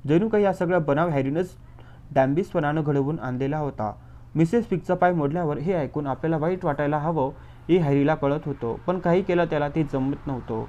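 Guy reading a storybook aloud, mellow and a bit high, expressive. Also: muffled recording. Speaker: audiobook narrator. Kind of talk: storybook narration.

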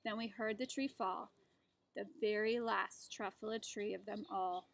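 A teacher, a woman, reading a rhyming storybook aloud to children with an expressive, rhythmic delivery. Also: mid-range voice, measured pace, vocal fry.

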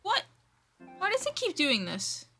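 A woman's voice: very high voice, huge pitch swings, a little slow, pushed and bright, faint music behind. A woman streaming a game, chatting casually and grumbling through joking asides. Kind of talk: casual gameplay chat.

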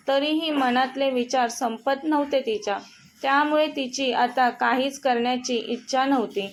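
Woman storyteller, slow unhurried reading, high voice. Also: poor audio. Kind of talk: scripted story narration.

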